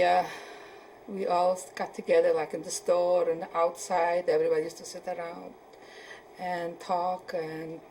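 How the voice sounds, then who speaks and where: Slow, soft-spoken woman in her seventies. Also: lowish voice, a little hiss or hum, low-quality recording. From Poland. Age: 70s. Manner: hesitant, searching for words with many fillers. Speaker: interviewee. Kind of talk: oral history interview.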